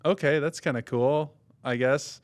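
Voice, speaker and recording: A man co-hosts a relaxed podcast, telling stories with animated delivery. He acts out the people he quotes, swinging his voice up and down for each one. His talk is loose, casual chat. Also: fairly high pitch, a little slow, a little hiss or hum. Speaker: podcast co-host.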